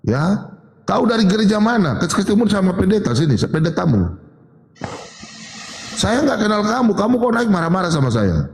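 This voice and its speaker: A man in a heated live-stream debate, boastful and repeatedly telling others to calm down. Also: high-pitched, moderate pace, long pauses. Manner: boastful, keeps urging calm. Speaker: debate participant. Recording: echoey room with long reverb.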